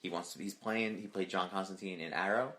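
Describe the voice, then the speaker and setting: A man with a very low, deep voice co-hosting a casual podcast. He talks excitedly, swears freely and acts out little quoted lines as he goes. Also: a little fast. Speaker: podcast co-host.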